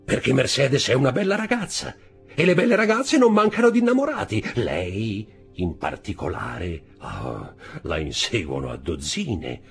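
A man reading an audiobook, voicing a coarse, nosy middle-aged neighbor who teases and pries loudly. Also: mid-range voice, huge pitch swings, moderate pace, vocal fry, breathy edge, faint music behind, voice pushed up, heavily acted. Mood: teasing. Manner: loud, teasing and prying.

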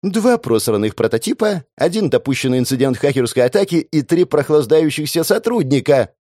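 A man's voice: a little high, big pitch swings, fairly quick, mellow, no room sound, clean studio sound. A man narrating an audiobook in the first person, with sardonic, crude asides.

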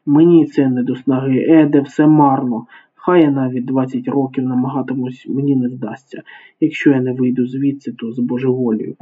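A man's voice: mid-range voice, level tone, moderate pace, breathy edge, lightly acted. A man doing a hysterical, worn-out safecracker. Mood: despairing. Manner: hysterical, desperate pleading. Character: panicking exhausted male Italian safecracker. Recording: tinny phone-like sound.

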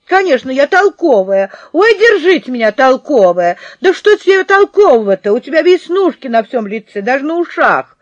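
Lady doing a cheeky little schoolgirl, high and bouncy, dry sound. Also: animated, a little fast, few pauses, no echo, dull audio. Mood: teasing. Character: young girl, teasing schoolgirl friend.

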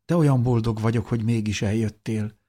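A man reading an audiobook, voicing a sick teenage girl who speaks softly and weakly. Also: fairly low pitch, steady tone, voice pushed up, natural voice. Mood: tender. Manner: soft, breathy, whispered.

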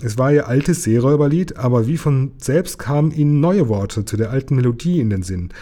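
Mellow-voiced man reading a children's story. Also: medium pitch, animated, brisk. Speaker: reader of a children's book.

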